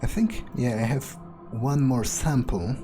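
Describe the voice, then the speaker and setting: Over music, a man speaks a little slowly in a mid-range voice, giving in-character commentary on a video game. He wonders aloud, hesitant and musing, and tosses in casual swear words.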